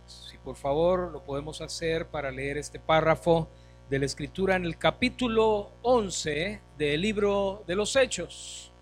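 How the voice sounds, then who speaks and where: A man, a pastor, leading a church service, reading scripture aloud to the congregation in a solemn, measured way and praying. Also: a little high, soft background music. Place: church sanctuary.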